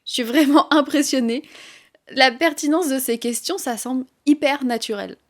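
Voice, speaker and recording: French-accented woman teaching, slightly high voice. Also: moderate pace. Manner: conversational, with light laughs and fillers. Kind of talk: casual explanatory lesson.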